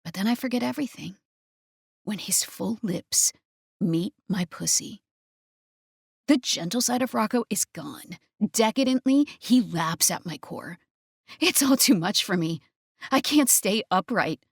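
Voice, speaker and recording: A woman narrating a first-person romance audiobook in a breathy, intimate manner. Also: mid-range voice, lively intonation, measured pace, pauses often, dry recording, studio quality.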